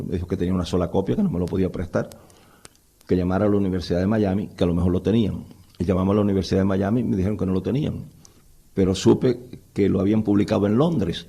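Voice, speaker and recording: A man's voice: on the low side, gravelly, warm tone, husky. A man lecturing on the Bible to a live audience in a conversational way, often putting rhetorical questions to his listeners.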